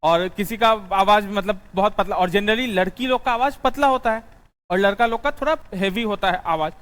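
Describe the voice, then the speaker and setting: A male teacher lectures in a high-pitched voice, firing questions at his students and answering them himself. He slows down to dictate notes. His voice rings with a long reverb in the classroom. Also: a bit bright, clear, resonant tone. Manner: sings out the notes of the scale.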